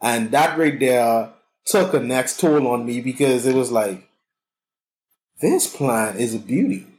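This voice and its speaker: A Bahamian cannabis consultant, appearing as a guest in a casual interview, tells his story in a boisterous, talkative way, repeating words. His mid-range voice is darkish, animated and measured, with a little hiss or hum in the recording.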